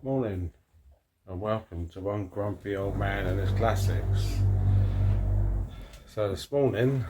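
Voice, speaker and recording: A middle-aged man with a low-pitched voice talks to his vlog viewers. He comes across as a low-key grumpy old man, rambling casually as he goes, in the manner of a hobbyist host. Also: takes it slowly, long pauses, loud music behind the voice, poor audio. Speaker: host of a classic car vlog.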